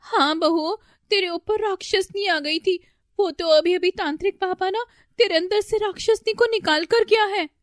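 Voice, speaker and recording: A woman voicing a fretful, easily panicked older mother-in-law in a storybook tale, with a shrill, wailing, pleading way of talking. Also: moderate pace, dry recording, clean studio sound.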